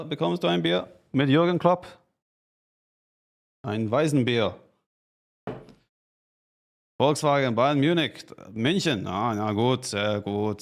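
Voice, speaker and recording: A man chatting on a live gaming stream, speaking slowly and deliberately at a middling pitch. His speech is halting and he often corrects himself mid-sentence. He jokes with viewers and thanks subscribers. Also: vocal fry. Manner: halting learner's German with self-corrections. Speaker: streamer and pro strategy game player.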